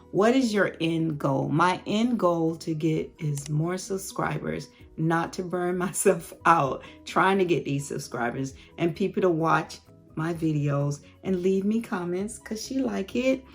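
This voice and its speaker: Chatty woman in her late fifties, lowish voice. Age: late 50s. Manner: chatty, candid, laughs often. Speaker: YouTube host. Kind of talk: casual Q&A vlog chat.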